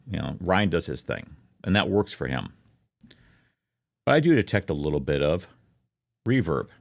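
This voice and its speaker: A deep-voiced, creaky man talks casually like a streamer, explaining things to camera as he demonstrates them. He's in a treated room at home, close to a foam-covered mic set slightly off from his mouth, with no echo.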